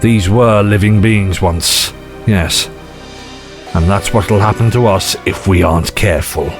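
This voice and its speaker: A man acting in an audio drama as an eccentric, excitable time-travelling adventurer, theatrical and given to rambling digressions. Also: sits low, a little slow. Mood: grave, sorry. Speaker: lead actor in an audio drama. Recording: music under the voice.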